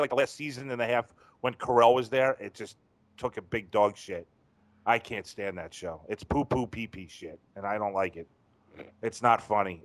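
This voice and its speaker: A man's voice: mid-range voice, dry recording. A man co-hosting a casual podcast, rambling, profane and self-mocking. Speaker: podcast co-host.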